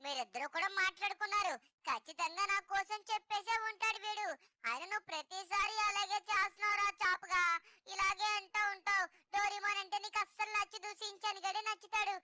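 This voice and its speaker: A woman's voice: very high voice, steady tone, fairly quick, sharp tone, no room sound, studio quality, exaggerated voice. A performer voicing a childlike robot cat who whines and accuses his friends in a cartoon-style game dub. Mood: accusing. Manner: accusing, whiny, argumentative.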